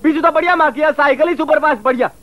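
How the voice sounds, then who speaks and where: A man's voice: very high voice, no room sound. An actor playing an easygoing village man who jokes around and stumbles shyly through English, in a 1980s TV drama. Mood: joking. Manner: teasing, laughs nervously, halting English. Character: easygoing village man, joking and shy with foreigners. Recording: dull lo-fi TV soundtrack, faint train noise.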